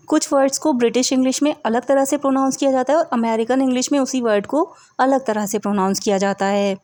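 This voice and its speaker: A woman teaching English vocabulary to Hindi speakers, explaining each word slowly and clearly with repeated examples. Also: high-pitched, darkish tone, dry recording.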